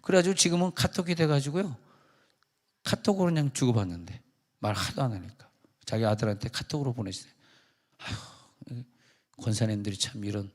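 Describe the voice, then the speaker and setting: A man's voice: mid-range voice, expressive, fairly quick, long pauses, in a large hall. A male pastor giving a conversational, joking sermon to his congregation. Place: large church sanctuary.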